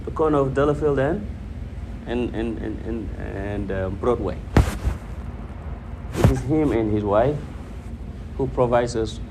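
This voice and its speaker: Speaking a little slowly and pausing often, a man with a mid-range voice teaches hadith informally to a congregation. He quotes Arabic and repeats phrases for emphasis. The recording has a noisy room and a steady background hum.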